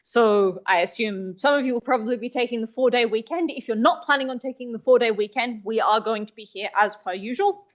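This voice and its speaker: A woman runs the wrap-up of a tech meetup with a chatty, lightly joking manner. Her voice sits a touch high for a woman. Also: brisk, few pauses. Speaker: meetup host. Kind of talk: event hosting announcements. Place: meetup venue, live audience.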